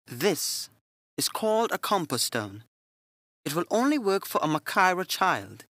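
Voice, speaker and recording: A man voicing a calm, devout middle-aged nun who speaks with gentle, motherly earnestness. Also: high-pitched, unhurried, no room sound, clean studio sound, pitched above the performer's own voice, exaggerated voice. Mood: earnest.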